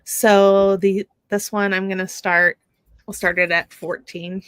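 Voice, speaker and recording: Woman host, casual live-sale chat, slow and halting, close dry mic. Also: medium pitch, level tone, a bit bright, clean tone, dry recording, poor audio. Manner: unhurried, halting, with many fillers and restarts.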